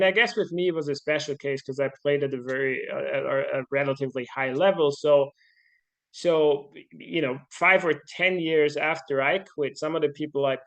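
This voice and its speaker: A man's voice: mid-range voice, normal speed, fairly bright tone. A middle-aged man from Austria, a podcast guest talking casually and thoughtfully, with many fillers and restarts. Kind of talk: casual interview talk.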